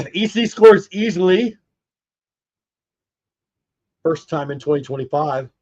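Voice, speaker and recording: A man hosting a live baseball watch party, excitedly calling plays and chatting with viewers, a bit hoarse as he is losing his voice. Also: fairly high pitch, slow, lo-fi sound. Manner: excited, reacts to plays, talks to chat. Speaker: livestream watch party host.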